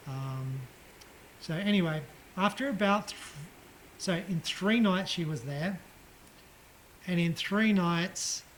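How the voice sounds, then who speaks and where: Halting man telling his hospital story. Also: fairly high pitch, slight background noise, poor audio. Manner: halting, reflective, frequent ums and restarts. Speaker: patient recounting his surgery. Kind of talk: casual personal account.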